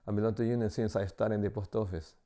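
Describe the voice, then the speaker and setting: In fairly low, dark tones and an even intonation, a man from El Salvador in his sixties works through interview answers in English. His Salvadoran Spanish accent comes through, and his speech is halting, full of pauses, "uh" fillers and restarts.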